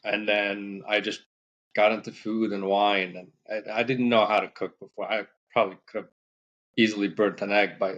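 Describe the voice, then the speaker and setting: A man from Morocco, a podcast guest, telling his story in a relaxed, rambling way with many fillers. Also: lowish voice, moderate pace, lo-fi sound. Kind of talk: casual storytelling interview.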